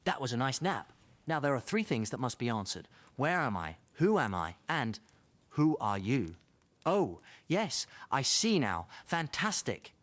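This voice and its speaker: A man playing an excitable, eccentric time traveller in a fan audio drama, rambling theatrically to himself. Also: mid-range voice, measured pace, no echo. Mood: breezy. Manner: theatrical, rambling self-talk.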